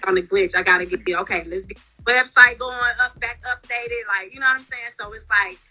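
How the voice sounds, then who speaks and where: Candid chatty woman, bright voice. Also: medium pitch, fairly quick, faint music behind, rough recording. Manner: chatty and candid, lots of "you know" fillers. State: wearing retainers that affect her speech. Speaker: guest, reality TV cast member. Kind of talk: casual interview chat.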